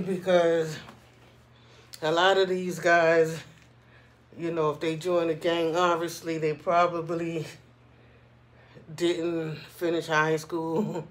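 A man vlogger giving a casual opinion monologue in a conversational way, often checking in with the listener. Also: fairly high pitch. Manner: conversational, frequently checking in with "you know what I'm saying".

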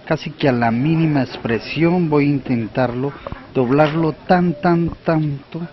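A man from Colombia, a magician, explaining a trick to camera in a relaxed chatty way into an interview mic indoors. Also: fairly high pitch, a little slow, muffled recording. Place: indoor function room. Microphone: handheld interview mic.

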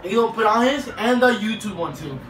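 A man's voice: high voice, lively intonation, brisk, slight background noise. A young man bantering casually in a vlog, boastful and goading, recorded in a room from a distance. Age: young adult. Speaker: challenge vlogger. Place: small living room. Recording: distant echoey room, loud music over it.

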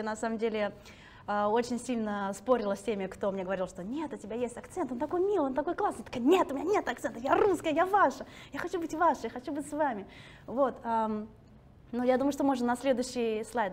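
A Russian woman in her thirties, appearing as a guest speaker, talks casually and self-ironically to an audience in a library hall, laughing often. Her voice sits high with a darkish tone.

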